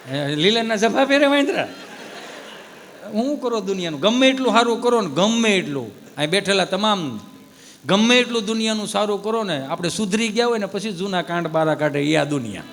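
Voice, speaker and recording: A man's voice: high voice, normal speed, big-room sound. A man telling comic stories on a live stage. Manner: lively storytelling. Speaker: stand-up comedian. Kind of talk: live Gujarati folk comedy.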